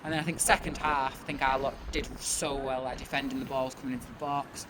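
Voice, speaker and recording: Fast-talking woman in windy noise. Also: rumbling low, fairly even intonation. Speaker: football team manager and coach. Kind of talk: post-match interview. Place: outdoors at a football match in strong wind. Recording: windy outdoor recording with clear noise.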